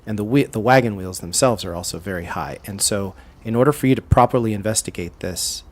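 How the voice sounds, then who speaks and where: A man's voice: fairly low pitch, a little fast. A man narrating as game master of a tabletop game, descriptive and hesitant, with frequent fillers.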